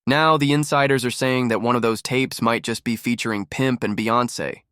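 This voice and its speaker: A man's voice: mid-range voice, steady tone, normal speed, a bit bright, clear, resonant tone, no room sound, clean studio sound. A man delivering scripted gossip commentary as a narrator.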